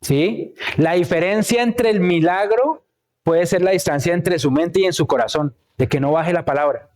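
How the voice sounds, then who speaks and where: In a church, a male preacher with a high, darkish voice speaks at normal speed, giving a conversational sermon. He tells personal anecdotes and checks in with his listeners by asking "¿sí?".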